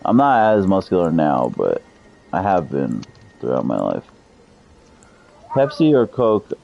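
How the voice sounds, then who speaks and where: A man in his thirties chats loosely with viewers while he plays, swearing often. His voice sits very low. The stream audio is a bit dull and lo-fi. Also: huge pitch swings, a little slow, gravelly, a little mellow. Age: 30s. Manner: profane, loose, chatty with viewers. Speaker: game streamer. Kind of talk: casual live-stream chat.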